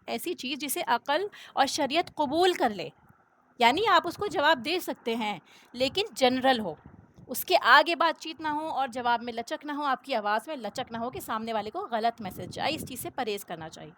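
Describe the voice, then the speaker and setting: Woman, religious lesson teacher, higher pitch, explanatory delivery with rhetorical questions and frequent "okay?" check-ins. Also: fairly bright tone, a little hiss or hum. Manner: mixes many English words into her speech. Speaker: Islamic teacher.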